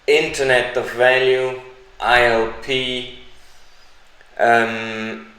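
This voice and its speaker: A man who is not a native English speaker, hosting a live stream Q&A and answering viewers in a slow, deliberate, halting way. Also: medium pitch, level tone, sharp tone. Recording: echoey room.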